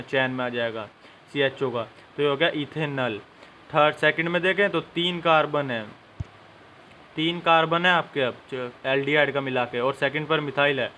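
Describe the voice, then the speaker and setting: A man's voice: a little high, sharp tone, slight background noise. A young man teaching a chemistry lesson step by step and speaking directly to his students. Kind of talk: classroom-style lesson.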